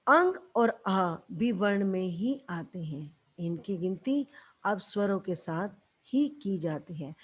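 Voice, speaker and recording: Speaking in an expressive, slightly rough mid-range voice, this woman teacher patiently and slowly teaches young children in a Haryanvi accent. She addresses her pupils as "beta" and "bachche" during the classroom lesson.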